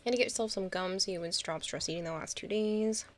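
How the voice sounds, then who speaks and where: A woman's voice: mid-range voice, quick pace. A woman streaming a game, chatting casually with her viewers and reading out their comments, rambling along and laughing easily.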